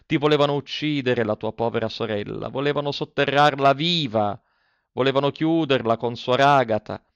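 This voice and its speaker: Guy doing a terrified young nun, high pleading cries over and over, dry muffled audiobook sound. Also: moderate pace, clean tone, dry recording, lightly acted. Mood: yearning. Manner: pleading and feverish, repeating cries. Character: young novice nun, frightened, losing her mind. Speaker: audiobook reader. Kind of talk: dramatic reading of a diary.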